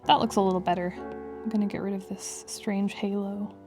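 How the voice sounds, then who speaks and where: A woman with a creaky vocal fry, chatting casually and wryly as she narrates a digital art tutorial. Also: mid-range voice, level tone, moderate pace. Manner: chatty, wry asides with frequent "like". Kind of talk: casual rambling tutorial commentary. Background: piano music.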